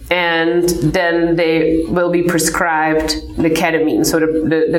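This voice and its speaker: A woman in her forties with a Czech accent, a psychotherapist explaining her clinic's work in a measured way with frequent fillers. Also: deep voice, echoey room, poor audio. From Czech Republic. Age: 40s. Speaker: ketamine-assisted psychotherapist. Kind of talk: podcast interview.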